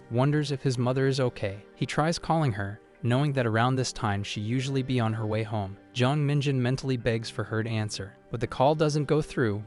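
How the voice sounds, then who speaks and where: A man narrating a comic recap in a steady, scripted storytelling delivery. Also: medium pitch.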